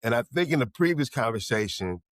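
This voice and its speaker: Halting man in casual podcast talk. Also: medium pitch, lively intonation, no echo, clean studio sound. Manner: halting, repeats words while thinking. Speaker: podcast co-host. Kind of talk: casual group discussion.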